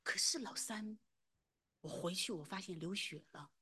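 A woman's voice: medium pitch, moderate pace, sharp tone. A middle-aged woman telling a personal faith testimony in an earnest, emotional way, often sinking to a near whisper. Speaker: church member giving a testimony.

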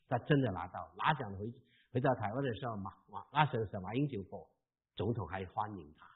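A man preaching a sermon in an emphatic way, his delivery swinging between loud and soft. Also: medium pitch, slightly rough. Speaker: pastor. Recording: tinny phone-like sound.

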